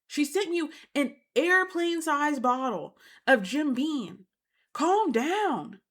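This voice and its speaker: A woman's voice: high-pitched, sing-song, slow pace, a bit bright. A woman hosting a reality TV recap, talking in an indignant, emphatic way and repeating points for emphasis. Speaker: host.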